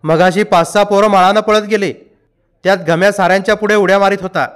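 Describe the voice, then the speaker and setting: A man plays a calm village man who settles a quarrel. He speaks soothingly in a somewhat high voice. It is a storybook reading. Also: fast talker, clear, resonant tone, natural voice.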